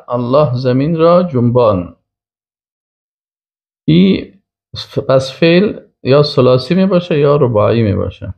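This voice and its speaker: A man's voice: mid-range voice, creaky. A male professor giving a classroom grammar lecture. He speaks, asks himself questions aloud and drawls out the example words. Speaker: professor teaching Arabic grammar. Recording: dull lo-fi recording.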